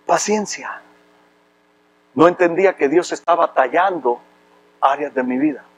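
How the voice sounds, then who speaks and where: A man from Rico, preaching a sermon with impassioned, emphatic delivery that rises to loud preaching. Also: fairly high pitch, measured pace, breathy edge, rough recording. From Puerto Rico. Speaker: pastor.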